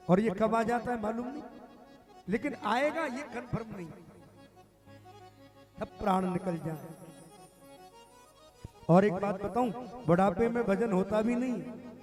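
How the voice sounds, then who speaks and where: Male devotional preacher, slow and humorous. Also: sits high, a little mellow. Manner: humorous, chuckling storyteller with call-and-response cries. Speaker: Bhagavat katha preacher. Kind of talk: devotional sermon. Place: open-air religious gathering.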